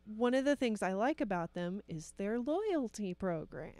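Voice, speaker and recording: A woman's voice: mid-range voice, sing-song, moderate pace, dark tone, dry recording. A woman co-hosting a casual talk show, laughing often and speaking frankly. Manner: laughs often, talks frankly with mild swearing. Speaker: podcast co-host. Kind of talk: casual chat.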